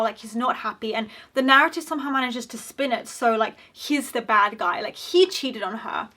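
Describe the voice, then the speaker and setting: Bright, chatty young woman commentator. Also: on the high side. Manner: chatty, frequent "like" fillers, opinionated. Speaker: video essayist. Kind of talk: casual commentary.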